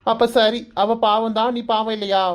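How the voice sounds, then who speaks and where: A woman's voice: fairly high pitch, little pitch movement, moderate pace, lightly acted. A woman voicing a teasing, exasperated young man in a cartoon, with a Kanyakumari Tamil accent, coaxing and playfully scolding. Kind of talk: cartoon voice acting.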